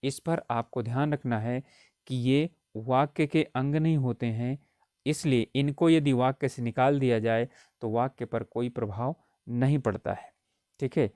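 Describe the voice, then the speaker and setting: Male tutor, exam-prep lecture, clear resonant tone, repeats points and checks in often. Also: mid-range voice, unhurried, a little mellow, no echo, clean studio sound. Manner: explains patiently with frequent "ठीक है" check-ins; repeats key points for emphasis. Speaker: Hindi grammar teacher.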